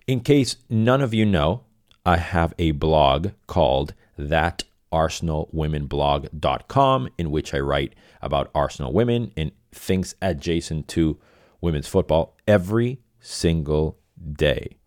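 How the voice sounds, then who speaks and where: A man's voice: rumbling low, lively intonation, unhurried, darkish tone, no echo, clean studio sound. A middle-aged man from Venezuela hosting his own podcast, talking loosely and correcting himself as he goes. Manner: rambling, self-correcting, repeats phrases. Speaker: podcast host. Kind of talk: casual solo podcast monologue.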